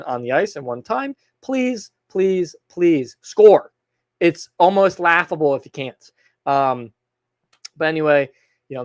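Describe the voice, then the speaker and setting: A young man from hosting a sports podcast, recapping a hockey game in a rambling, excitable way with lots of fillers. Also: medium pitch, no echo, studio quality. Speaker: podcast host. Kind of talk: casual sports recap monologue.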